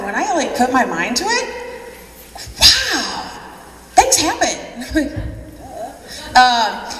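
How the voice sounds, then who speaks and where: Chatty woman speaking in an echoey hall. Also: fairly high pitch. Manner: chatty, laughs often, acts out quotes. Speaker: convention speaker. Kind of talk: motivational speech. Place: large convention hall. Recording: echoey hall from a distant mic.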